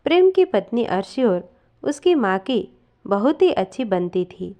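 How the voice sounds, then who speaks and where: A woman storyteller reading a family tale in a measured, expressive way. Her voice is fairly high and lively in pitch, and she takes her time. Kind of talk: scripted story narration.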